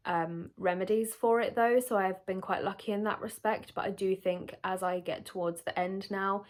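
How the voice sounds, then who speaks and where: A woman's voice: medium pitch, steady tone, normal speed. British woman chatting casually. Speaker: vlogger answering pregnancy questions. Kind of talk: casual chat to camera.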